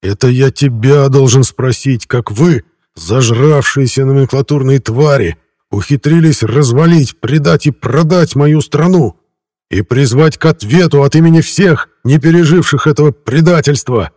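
An earnest young man come back from the future, explaining himself firmly and ready to flare into anger, voiced by a man reading the book. The voice sits low and mellow, and the sound is close and dry. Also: a little fast, no echo, natural voice. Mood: furious.

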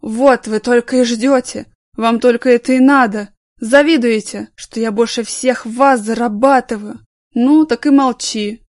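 A bitter, drunken former stage actor bellows and slurs his grievances, put on by a woman reader. His voice sits high and loud with a dry, close sound. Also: unhurried, dry recording, close to an everyday voice. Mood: drunken rant. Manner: slurred, shouting, self-pitying. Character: drunk bitter male ex-theatre actor, middle-aged.

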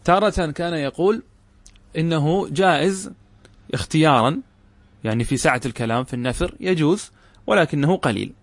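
A man teaching a classical Arabic grammar lesson, explaining step by step and often asking his students whether the point is clear. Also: on the high side, normal speed, pauses often, dry recording.

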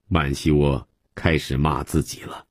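A man narrating a novel for radio with measured, dramatic storytelling. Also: extremely low pitch, steady tone, husky, dry recording, clean studio sound.

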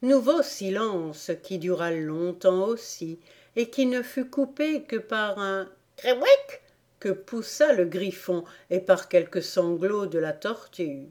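A woman narrating a storybook audiobook at a very unhurried pace. Her voice is mellow and dark, and she reads calmly and evenly. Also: mid-range voice. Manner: slow, calm, measured. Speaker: audiobook reader.

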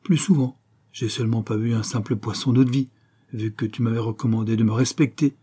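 Crafty old widow rag-picker, sly and wheedling, dark husky tone, read by a man. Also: mid-range voice, fairly even intonation, a little fast, close to an everyday voice.

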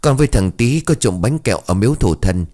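A man's voice: mid-range voice, animated, a little fast, a little mellow, pitched above the performer's own voice, close to an everyday voice. A man voicing a frightened, crying village boy who talks in tearful pleas. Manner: tearful, pleading.

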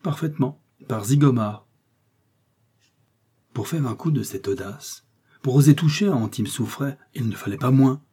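A man's voice: medium pitch, moderate pace, pauses often, mellow, husky. A man doing a pompous, grandiloquent vain poet. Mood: grandiose. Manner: grandiloquent, lofty declaiming. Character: pompous vain male poet, self-important.

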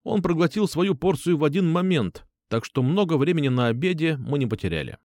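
A man's voice: a little high, lively intonation, brisk, darkish tone, dry recording, clean studio sound. A man narrating an audiobook in the first person, reading expressively.

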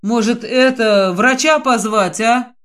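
A woman voicing an awkward, apologetic burly male security chief who speaks slowly and fumblingly. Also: fairly high pitch, fairly bright tone.

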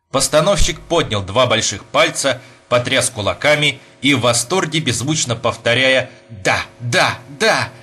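Male audiobook narrator, bright tone, steady literary read. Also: medium pitch, slightly rough. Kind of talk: scripted narration.

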